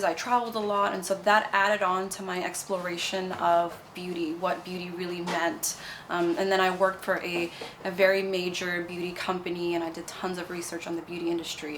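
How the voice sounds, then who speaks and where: A woman's voice: on the low side, a bit bright, a little hiss or hum. A young woman from Nepal, a cosmetics founder, answering interview questions in a bubbly, chatty way. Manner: bubbly, chatty, fond of fillers like "you know".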